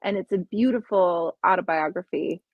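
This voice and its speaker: A woman's voice: lowish voice, moderate pace, no echo, dull audio. Musing young woman on a podcast. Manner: musing, searching for words, many restarts. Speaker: podcast guest, comedian and psychic reader. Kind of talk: casual podcast chat.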